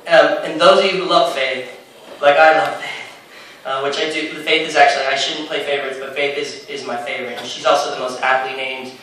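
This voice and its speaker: Man, comic writer, bright forceful voice, rambling with fillers, distant mic in echoey convention hall. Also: medium pitch, steady tone, brisk. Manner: enthusiastic, rambling with many fillers and restarts. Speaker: comic book writer on a panel. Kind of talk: casual panel talk. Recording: echoey hall, speaker far from mic, faint noise.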